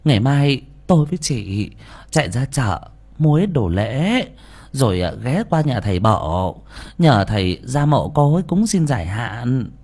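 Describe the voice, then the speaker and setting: A narrator voicing a calm, practical older village woman, speaking in a steady, reassuring way. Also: mid-range voice, a little slow, slightly rough, pitched above the performer's own voice, heavily acted.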